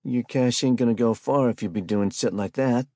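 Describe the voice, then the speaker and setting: A man's voice: mid-range voice, normal speed, dry recording, voice pushed up, lightly acted. A man voicing a menacing adult street hustler who bullies and robs, in swaggering slangy speech, for a spoken story. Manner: swaggering slangy street talk, pushy and loud.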